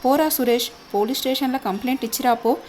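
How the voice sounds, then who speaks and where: A woman voicing a stern, gruff middle-aged village father who scolds. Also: high voice, fast talker, darkish tone, slight background noise, lightly acted. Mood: angry.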